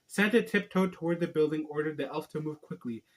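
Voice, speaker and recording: Here a man with a slightly high voice talks fairly quickly as he hosts a homemade video. He chats in a relaxed vlog style and reads a storybook aloud, tripping over words now and then.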